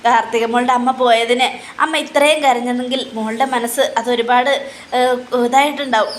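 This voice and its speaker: A woman's voice: a little high, fairly even intonation, normal speed, a little hiss or hum, lightly acted. Woman reading nervous middle-aged father, placating, anxious, own voice.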